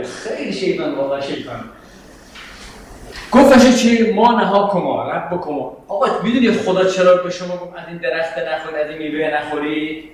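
A man's voice: fairly high pitch, a little hiss or hum. A man teaching a Quranic exegesis class, explaining step by step, quoting Arabic verses and questioning his students. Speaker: religious teacher. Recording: very echoey classroom.

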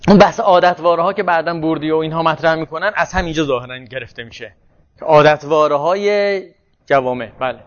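A man with a fairly high voice explains a point at length in a seminar, answering questions as they come. The recording sounds muffled and lo-fi. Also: slight background noise. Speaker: teacher. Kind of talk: seminar lecture.

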